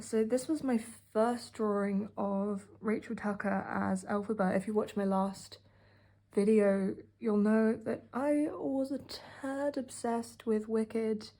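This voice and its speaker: Mellow-voiced British woman, rambling casually. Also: on the high side. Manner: sarcastic, rambling, many fillers. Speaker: art vlogger. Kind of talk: casual sketchbook tour narration.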